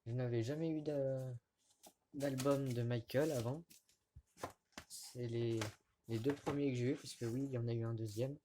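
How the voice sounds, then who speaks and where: A man with a mid-range voice talks casually to his camera at home while showing off vinyl records. He speaks haltingly, with many fillers and restarts. A faint hiss sits under the recording. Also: medium pitch, fairly even intonation, mellow. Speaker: record collector vlogger. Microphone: camera mic at close range.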